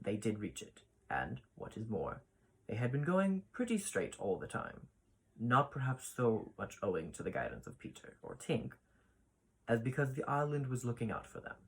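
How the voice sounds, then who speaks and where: A man reading a classic children's story aloud, voicing the children's lines with brighter lifts. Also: lowish voice, slightly rough, low-quality recording. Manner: expressive reading, voices the children's dialogue with lifts. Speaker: ballet dancer reading a children's book aloud.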